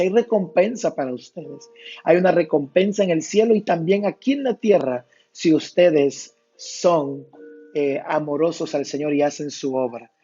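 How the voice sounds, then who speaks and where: A man's voice: fairly high pitch, dark tone, breathy edge. A man preaching an earnest devotional reflection, retelling Bible passages with quoted lines. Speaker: pastor. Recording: dull lo-fi sound with faint music.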